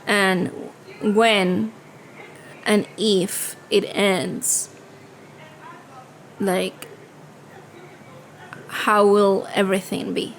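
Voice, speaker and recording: A woman co-hosting a podcast conversation, speaking in an unhurried, thoughtful way with trailing fillers. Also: mid-range voice, level tone, slight background noise, poor audio. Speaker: podcast co-host. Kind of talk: casual conversation. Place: home studio.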